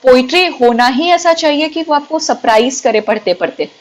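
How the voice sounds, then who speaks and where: A young adult woman with an Indian accent teaching an exam-prep lecture, explaining step by step and reading definitions out slowly. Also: high-pitched, lively intonation, poor audio. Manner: explains step by step, switching between Hindi and English, reads definitions slowly.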